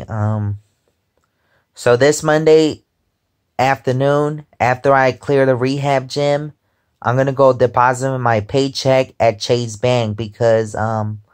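A man's voice: medium pitch, clean tone. A man of twenty-five chatting casually in a rambling way, often repeating "because, um", while lying in bed at home and filming on a phone held close. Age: 20s. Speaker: vlogger. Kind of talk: casual chat. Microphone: phone held close above face.

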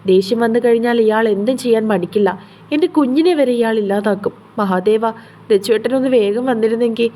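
A woman's voice: a little high, fairly quick, mellow, close to an everyday voice. A woman voicing a frightened young wife. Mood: fearful. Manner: fearful, tearful pleading.

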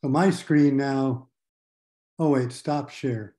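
A man's voice: medium pitch, fairly even intonation, slow, warm tone. A man on a video call, flustered and self-deprecating while fumbling with the controls. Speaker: meeting participant. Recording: roomy echo.

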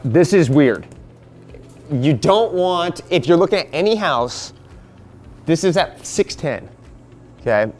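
This real estate investor has a fairly high, darkish voice with lively intonation. Standing outdoors on the porch of his flip house, he talks a group through the property in a casual, blunt, practical way, quickly quoting others as he goes.

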